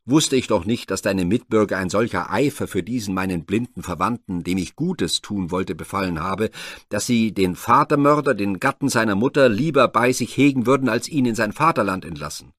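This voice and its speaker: A man's voice: lowish voice, moderate pace, fairly bright tone, no echo, clean studio sound. A man voicing a ruthless royal uncle, scornful and self-justifying, in a spoken myth retelling. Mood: ashamed. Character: ruthless royal uncle, mocking then ashamed.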